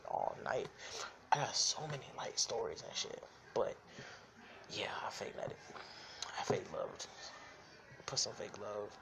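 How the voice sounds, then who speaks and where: A man's voice: mid-range voice, gravelly, background noise. A young man hosting a podcast, telling candid, profane stories and laughing often. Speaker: podcast host. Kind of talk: casual storytelling monologue.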